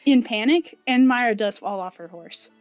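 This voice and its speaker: A woman player at a tabletop game, animated and giggly, chatting casually. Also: a little high, normal speed, faint music behind. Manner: giggly, animated, breaks into laughter.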